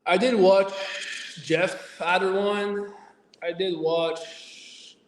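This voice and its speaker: A man being interviewed as an athlete guest, talking haltingly with many fillers, restarts and uneven grammar. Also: sits high, steady tone. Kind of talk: remote interview chat. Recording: echoey room, far from mic.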